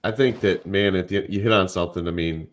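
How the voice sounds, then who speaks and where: A man's voice: deep voice, steady tone, fast talker. A man with an American accent, a podcast co-host, thinking aloud about training and often tagging his points with "right?". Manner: reflective, uses lots of "right?" tags. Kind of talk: casual podcast interview.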